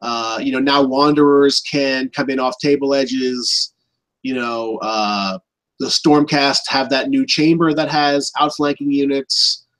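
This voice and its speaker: This guest on a tabletop gaming show has a mid-range, fairly bright voice with fairly even intonation, and he takes his time. The audio is poor. His talk is casual gaming chat, explained conversationally and full of fillers like "you know."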